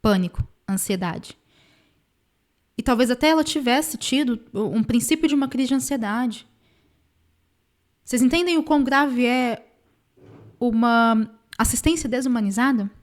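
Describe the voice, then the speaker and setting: A woman's voice: on the high side, a little slow, long pauses. A woman host commenting on birth care, speaking emphatically and addressing viewers directly. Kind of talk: explanatory commentary.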